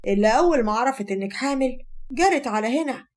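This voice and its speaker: A woman's voice: sits high, expressive, fast, a little mellow. A woman voicing a firm young Egyptian husband who gives orders to his wife and mother-in-law. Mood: commanding. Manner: firm, commanding. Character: stern young husband, calm then domineering.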